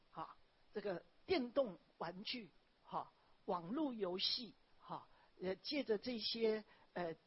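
A woman pastor, preaching a sermon and telling personal stories in an animated way, often tagging her phrases with a small "ha". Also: mid-range voice, slightly rough. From Taiwan. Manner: animated storytelling, frequent "ha" tags, wraps points with "okay, like this". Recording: dull lo-fi recording.

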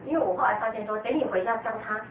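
A woman's voice: a little high, very fast. A woman in the audience sharing her own experience as a parent, telling it with hesitant restarts. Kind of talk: sharing experience in a group talk. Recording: distant, echoey, tinny with noise.

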